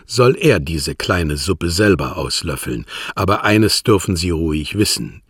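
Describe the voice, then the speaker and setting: Man playing a stern police inspector, radio drama, firm and pressing, deep, slow. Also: lively intonation, slightly rough, no room sound, heavily acted. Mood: forceful.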